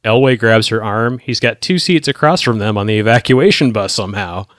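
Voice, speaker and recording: A man's voice: fairly low pitch, fairly bright tone, no room sound, studio quality. Sarcastic man recapping a TV episode. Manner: sarcastic, recaps plot in quick summaries. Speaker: podcast co-host recapping episodes. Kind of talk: casual chat.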